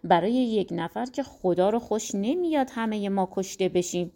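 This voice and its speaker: A woman's voice: medium pitch, animated, mellow, close to an everyday voice. A woman reading a storybook, voicing frightened merchants who speak in a hurry. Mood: hurried. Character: frightened ship's merchants, men in a group.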